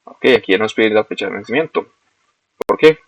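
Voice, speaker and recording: A young man, a student walking through a screen-recorded software demo step by step and correcting himself as he goes. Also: lowish voice, animated, fairly quick, breathy edge, no room sound. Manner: explains step by step, self-corrects. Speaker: student presenting a project. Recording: dull, lo-fi dry recording.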